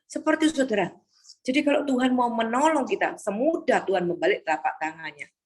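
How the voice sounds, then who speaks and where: A woman's voice: on the high side, expressive, brisk, slight background noise. A woman preaching an exhorting sermon to a congregation on a video call, often calling the listeners "Saudara".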